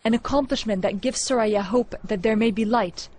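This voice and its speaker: A woman reporter reading a scripted news narration in a measured, clear delivery. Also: on the high side, darkish tone.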